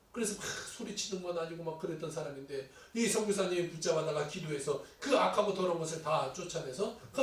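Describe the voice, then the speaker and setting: A male pastor delivers a sermon in a noticeably high voice, slipping into acted voices as he tells a story. He sounds set back from the microphone, and his words ring through an echoey church hall. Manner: animated storytelling, acting out quoted voices. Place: church sanctuary. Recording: echoey hall, distant mic.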